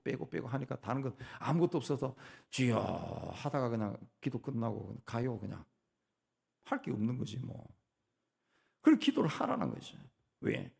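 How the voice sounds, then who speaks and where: An older man, a pastor, preaching a folksy, animated sermon and acting out prayers. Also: mid-range voice, creaky, breathy edge.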